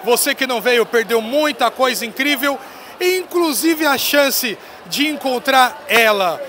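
A man in his thirties, an excited and playful interviewer, hyping his guest with a handheld mic in a busy indoor expo hall. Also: very high-pitched, a little slow, a little hiss or hum. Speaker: interviewer at a trade fair. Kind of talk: casual on-location interview. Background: crowd chatter of the fair.

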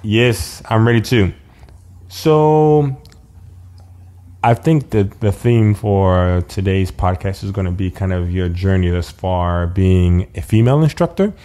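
A man's voice: low-pitched, slow, warm tone. A man hosting a podcast in casual interview style, upbeat and playful, often repeating words for emphasis. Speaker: podcast host.

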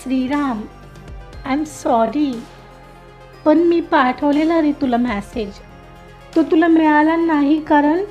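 A woman's voice: high voice, lively intonation, measured pace, darkish tone, soft background music. A woman voicing a hurt young woman who speaks tearfully and pleads.

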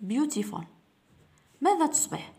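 A woman's voice: high-pitched, sing-song, unhurried, vocal fry, mellow. A woman English teacher giving an exam review lesson, explaining grammar rules step by step and answering her own questions.

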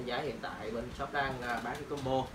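A man's voice: mid-range voice, steady tone, a little fast. A young man presenting boxing gloves and hand wraps in a casual product demo, speaking loosely with many fillers. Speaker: martial arts shop presenter. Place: small room in a shop, indoors. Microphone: camera on tripod a few meters away. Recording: roomy, distant camera audio with noise.

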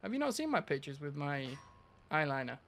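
A young man streaming reactions in a casual, laddish way, swearing freely. His voice is high and bright, with very animated pitch. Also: a little fast, gravelly. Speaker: streamer reacting to video clips. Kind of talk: casual chat and reaction commentary.

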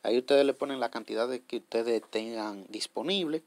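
A man's voice: mid-range voice, fairly quick, no echo. A man hosting a step-by-step app tutorial. He explains patiently, repeats himself, and keeps checking in with his viewers. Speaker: tutorial host.

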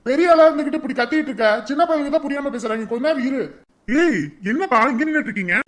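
An actress playing a loud, bossy village woman handing out food and ordering a crowd into line. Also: high voice, rapid-fire, natural voice. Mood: scolding.

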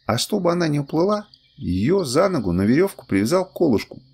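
An older man narrating a bedtime story in a lively, expressive way. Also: a little high, brisk, creaky, slightly rough.

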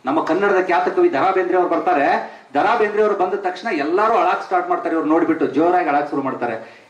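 A man's voice: high-pitched, quick pace, reverberant, muffled recording. A man from Bijapur with a North Karnataka accent gives a devotional tribute speech as a teacher, speaking emphatically and repeating phrases for stress. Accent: North Karnataka Kannada.

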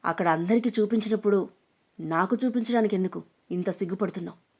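A woman voicing an arrogant, threatening young man in an audio story, speaking low and mocking. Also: fast, slightly rough. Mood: menacing. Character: menacing arrogant young man, a rich bully. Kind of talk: storybook narration.

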